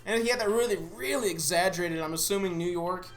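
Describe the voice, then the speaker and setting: A man's voice: high-pitched, quick pace, roomy sound, faint music behind. A man co-hosting a casual movie review chat, laid-back, swearing often and laughing through his lines. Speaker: podcast co-host.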